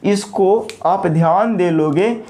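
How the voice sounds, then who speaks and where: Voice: medium pitch, takes it slowly, warm tone, a little hiss or hum. An engineering lecturer who asks questions, answers them, and repeats key terms while checking in with the listener. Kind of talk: classroom lecture.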